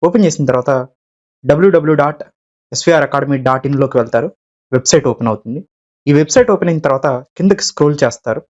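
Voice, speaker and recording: A man's voice: fairly high pitch, racing, pauses often, darkish tone. A man with a Telugu accent narrating a step-by-step website tutorial, mixing English terms into Telugu, on a dull lo-fi recording. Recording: dull, lo-fi sound.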